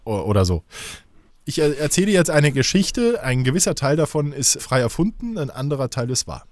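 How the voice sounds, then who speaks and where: A man's voice: fairly high pitch, very animated, brisk, dry recording. A man co-hosting a podcast, telling rambling, joking stories in casual banter. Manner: joking storyteller, playful and rambling. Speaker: podcast co-host.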